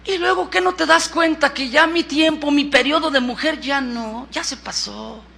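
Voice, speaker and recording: A man voicing an old woman who teases and scoffs at her husband, in a high, shouting voice. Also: normal speed, vocal fry, a little hiss or hum, exaggerated voice. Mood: scoffing.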